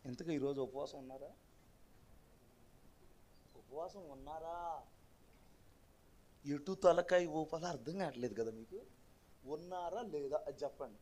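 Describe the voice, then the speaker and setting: A man's voice: a little high, measured pace, pauses often. A man with a Telugu accent, preaching a sermon as pastor in a church and talking now and then to his congregation. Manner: preaching with sudden loud rises and quiet asides to the congregation. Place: church hall.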